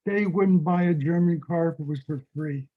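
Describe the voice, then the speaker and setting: A man's voice: fairly high pitch, normal speed, narrow, tinny audio. A rabbi in conversational teaching mode, reflective and repeating his questions, speaking over a video call.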